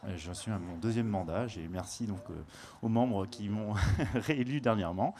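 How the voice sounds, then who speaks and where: Chatty French conference moderator, lowish voice. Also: male voice, normal speed, warm tone. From France. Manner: chatty, hesitant with repeated words. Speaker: panel moderator.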